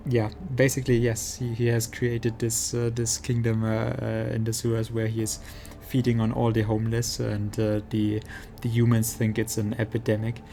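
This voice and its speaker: A man giving casual gameplay commentary as a streamer, halting as he thinks aloud. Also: medium pitch, completely flat delivery, creaky, dark tone, a little hiss or hum. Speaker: game streamer. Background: game music.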